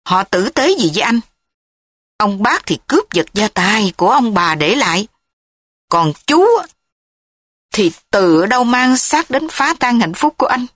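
A woman's voice: fairly high pitch, big pitch swings, measured pace, long pauses, a bit bright, dry recording, exaggerated voice. Brief: a woman doing a hurt young husband in a storybook reading, heated, bitter, dry close sound.

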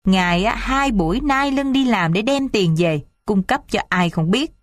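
A woman voicing a bad-tempered middle-aged father who shouts and scolds his family. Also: sits high, animated, normal speed, no echo. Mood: grumbling.

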